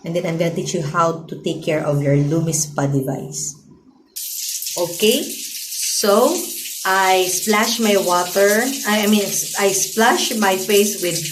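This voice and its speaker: Halting woman in an echoey bathroom. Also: medium pitch, background noise. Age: 30s. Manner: halting, many fillers and restarts. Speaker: vlogger. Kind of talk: casual product demo.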